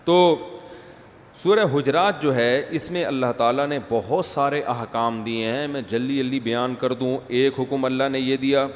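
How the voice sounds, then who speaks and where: A man giving a conversational religious lecture to a gathering, slipping in humorous asides and asking the audience questions. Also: mid-range voice. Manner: humorous wordplay. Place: mosque gathering after night prayers. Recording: long hall reverb, faint background noise.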